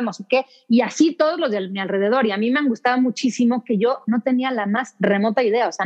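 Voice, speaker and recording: A woman from Mexico City with a Mexico City Spanish accent, an actress chatting as an interview guest in a lively, rambling way. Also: mid-range voice. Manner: chatty, many restarts and fillers. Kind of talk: casual interview conversation. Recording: dull lo-fi sound.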